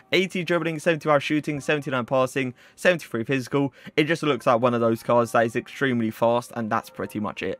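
Young male YouTuber, mid-pitched, chatty casual game commentary, repeats stock phrases. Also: fairly bright tone, no echo.

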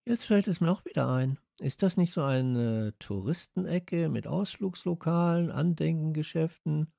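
A man voicing an eager, curious young girl in a children's audiobook, speaking in a lively way. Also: a little high, moderate pace, gravelly, no room sound, clean studio sound, voice pushed up.

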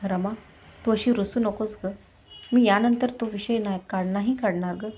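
A woman voicing a worried, loving middle-aged husband who speaks gently and pleads. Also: mid-range voice, fairly even intonation, normal speed, a little hiss or hum, natural voice. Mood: coaxing.

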